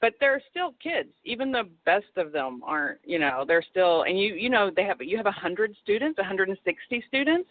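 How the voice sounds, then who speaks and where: A woman's voice: mid-range voice, big pitch swings, normal speed, few pauses, no echo. A woman author chatting as an interview guest, rambling with lots of restarts and asides. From Texas. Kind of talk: casual phone interview. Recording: tinny phone line.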